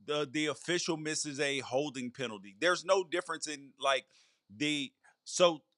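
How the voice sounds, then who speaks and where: A man's voice: fairly high pitch, measured pace, pushed and bright, no echo, studio quality. A man co-hosting a college football podcast, casually dismissive and repeating himself as he argues. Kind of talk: casual sports debate.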